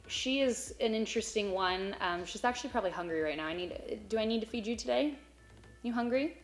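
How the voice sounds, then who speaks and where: A young woman talking about her pets in a casual home vlog, her voice bright and clear. She chats on easily, full of "um" and "like", and is a little out of breath. She sounds at ease and talks straight to her viewers. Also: mid-range voice, a little hiss or hum. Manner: chatty, filler-heavy with frequent "um" and "like". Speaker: pet vlogger. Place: home animal room.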